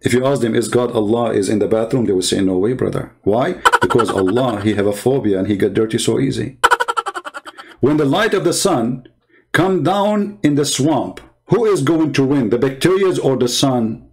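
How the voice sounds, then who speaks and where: A man's voice: mid-range voice, expressive, moderate pace, a little mellow. A man hosting a channel and giving polemical commentary in non-native English, mocking and sarcastic, trading insults. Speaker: channel host and religious debater.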